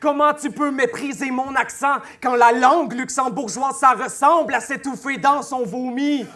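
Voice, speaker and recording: A man with a Québécois accent delivering a scornful rap battle verse, shouting his punchlines. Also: extremely high pitch, moderate pace, a little hiss or hum. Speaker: battle rapper.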